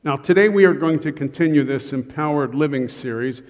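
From a church stage, a middle-aged pastor preaches a humorous sermon, tossing in joking asides that poke fun at himself. His voice is a little high, a little mellow, and a little fast, and the sanctuary adds a long hall reverb.

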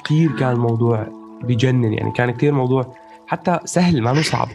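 Man, Levantine Arabic accent, mid pitch, rapid conversational delivery, explanatory, light music bed. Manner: explanatory, checks in with listener, mixes in English words. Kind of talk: casual conversation about personal experiences.

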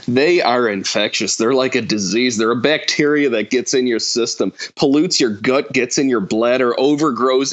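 A man's voice: mid-range voice, fairly bright tone, dull audio. A man co-hosting a sports podcast on a mic, bantering wryly and casually. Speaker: podcast co-host.

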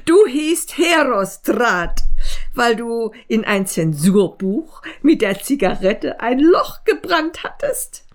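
A woman's voice: on the high side, big pitch swings, slow pace, pitched above the performer's own voice. Woman putting on a gushing skinny man. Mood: chatty. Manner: gushing, fawning, talkative. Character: thin excitable chatty middle-aged man.

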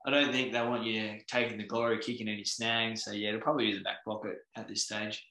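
Australian male co-host, sharp bright tone, mid pitch, needling casual banter, roomy echoing recording. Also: level tone, fast. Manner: teasing banter. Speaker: podcast co-host. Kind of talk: casual chat. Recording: roomy, echoey sound.

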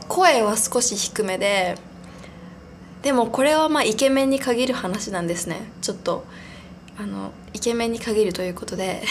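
A young woman in her twenties hosts a casual solo podcast, her voice mid-range with slight background noise. She rambles, giggles, and pokes fun at herself as she chats.

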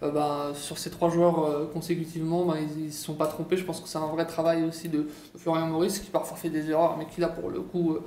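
A man's voice: on the high side, flat delivery, fairly quick, hardly any pauses, mellow, roomy sound, slight background noise. A man giving his football opinions on a panel, hesitant and full of fillers and restarts. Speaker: football pundit. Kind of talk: casual panel chat.

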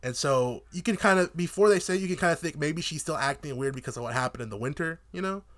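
A young man holds forth as a podcast co-host, his pitch swinging widely and sitting a little high. He rants casually about TV, profane and joking. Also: expressive, fast, fairly bright tone. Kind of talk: casual TV review chat.

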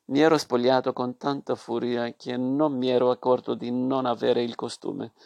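Man, story narration, measured and expressive, gravelly creaky voice, dry close recording. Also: mid-range voice, no room sound, muffled recording. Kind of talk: reading a story aloud.

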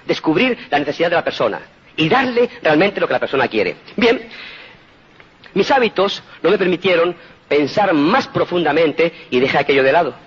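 Spanish man in his forties, earnest motivational storyteller, husky voice, dull lo-fi sound. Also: a little high, very animated, moderate pace. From Spain. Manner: earnest storytelling, addresses audience directly. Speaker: speaker giving a testimonial talk. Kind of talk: motivational talk. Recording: dull lo-fi recording.

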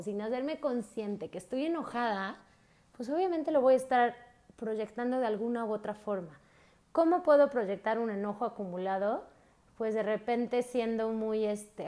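A woman with a fairly high voice talks casually about feelings. She speaks straight to the listener and asks question after question. Her tone stays conversational, like a friendly teacher. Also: a little mellow. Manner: speaks directly to listeners, often asks rhetorical questions and adds a tag "¿no?". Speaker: host of an emotional wellbeing talk.

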